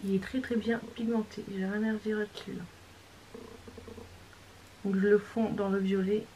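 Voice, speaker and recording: A woman's voice: mid-range voice, level tone, normal speed, warm tone, a little hiss or hum, low-quality recording. A woman beauty vlogger talking through a makeup tutorial in a casual, chatty way, correcting herself as she goes and sometimes dropping to a near-whisper. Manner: chatty, self-correcting, describing each step.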